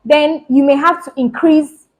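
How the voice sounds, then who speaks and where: A woman with a high voice and steady tone hosts her own fashion channel, casually explaining to camera how to run a clothing business. She talks fast, repeats points, and keeps asking "do you understand?", though the audio is poor.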